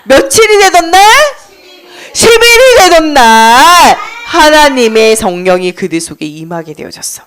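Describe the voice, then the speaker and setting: A woman giving a children's sermon in church, telling the story in a sing-song way, questioning the children and loudly chanting the lines she wants them to repeat. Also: sits high, sing-song, a little slow. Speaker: children's Sunday school teacher. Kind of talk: children's sermon with call-and-response. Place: church service.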